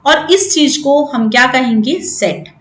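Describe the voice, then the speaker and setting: A woman with an Indian accent and a high, expressive, slightly bright voice teaches maths step by step at a measured pace, moving between English and Hindi. She keeps checking in with "right?", and the room echoes.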